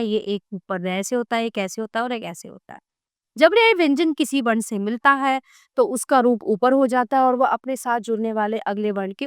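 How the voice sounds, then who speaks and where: A woman with a fairly high, smooth and resonant voice narrates a grammar lesson for children. She speaks in a clear, measured way, reading out lists of words at an unhurried pace. The recording is dry and close. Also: dry recording. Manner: clear, measured, reads out word lists slowly. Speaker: teacher.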